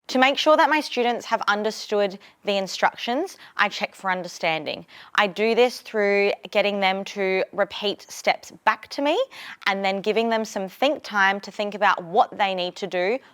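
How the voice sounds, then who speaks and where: A woman teacher explaining and giving patient, clear classroom instructions. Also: medium pitch. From Australia. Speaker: primary school teacher.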